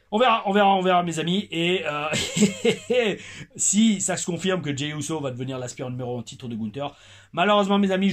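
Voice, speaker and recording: A husky-voiced man from France hosts a casual wrestling review. He talks in an animated way, with playful asides and quick jokes. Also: mid-range voice. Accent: French. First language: French.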